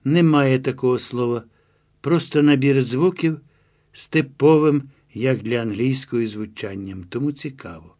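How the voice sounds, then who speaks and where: A man reading the lines of Raul, a blunt man who dismisses things curtly and flatly. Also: mid-range voice, a little slow, close to an everyday voice. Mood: dismissive. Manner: curt, categorical.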